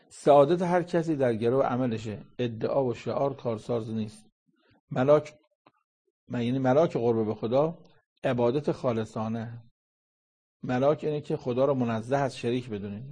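A male preacher explains Quran verses to his listeners. His voice is dark, mellow and a little husky. He recites Arabic lines and presses his point with sharp rhetorical questions. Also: medium pitch. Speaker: Quran commentator. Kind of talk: Quran commentary sermon.

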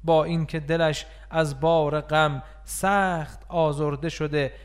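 A man's voice: fairly high pitch, fairly even intonation, smooth. A man giving a solemn, mournful scripted reading of a religious text.

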